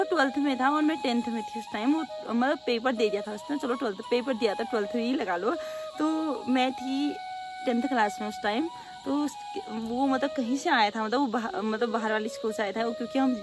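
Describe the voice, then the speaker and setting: A young woman vlogger from the hill region, answering viewer questions in quick, loud, casual chat. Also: on the high side. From Pahadi hill region of North India. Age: young adult. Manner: talks very fast and rather loudly.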